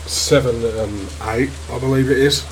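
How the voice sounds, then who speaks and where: Sick guy streaming games, strangled slow voice, kinda far from mic, chatting casually. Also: mid-range voice, fairly even intonation, slight background noise. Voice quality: strained, strangled, congested-sounding. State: unwell with a throat infection, throat-clearing. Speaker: video game livestreamer. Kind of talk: casual live gameplay commentary. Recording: distant mic under loud music. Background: loud game music.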